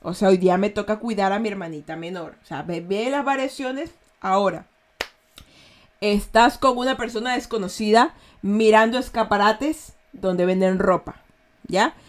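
A woman's voice: mid-range voice, normal speed. Chatty Ecuadorian woman teaching slang. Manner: chatty, checks in with "¿ya?" often. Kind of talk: casual slang lesson.

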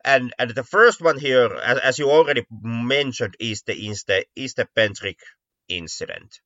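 This podcast co-host has a medium-pitched, sharp-toned voice and talks at a normal speed. Chatting casually about mystery stories, he stammers and keeps repeating words partway through sentences. The audio is dull and lo-fi with a roomy echo.

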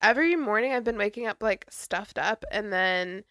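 A woman's voice: mid-range voice, moderate pace, bright, forceful tone, no echo, clean studio sound. A young woman co-hosting a casual chat podcast, a little stuffy and nasal from congestion, chatty with lots of likes and ums. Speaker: podcast co-host.

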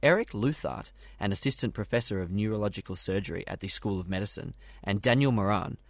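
Low-voiced male science news reader. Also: fast talker, gravelly, no echo. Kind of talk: scripted news reading.

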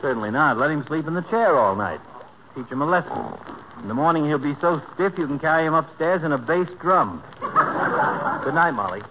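An actor playing a reassuring, wry, matter-of-fact family doctor in a 1940s radio comedy. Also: male voice, a little high, lively intonation, normal speed, narrow, tinny audio, close to an everyday voice. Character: dry, reassuring middle-aged family doctor. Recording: noisy, band-limited old radio broadcast.

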